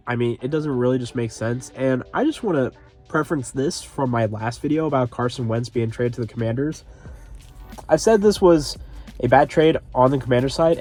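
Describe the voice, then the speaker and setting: This young sports channel host sounds stuffed up and sniffly, his medium, slightly mellow voice wandering through relaxed football talk alone. He fills pauses and often starts his thoughts over.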